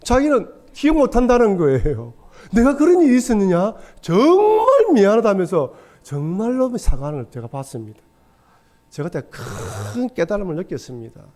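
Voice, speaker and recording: A middle-aged pastor preaches a sermon in a church sanctuary, his high voice dark in tone. He tells stories earnestly and acts out the voices of the people he quotes.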